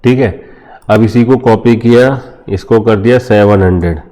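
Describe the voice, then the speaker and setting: Mellow-voiced Indian man teaching code. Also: lowish voice, normal speed. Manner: informal, addresses viewers as friends, frequent "theek hai" fillers. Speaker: coding tutor. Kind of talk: screen-recorded coding lesson.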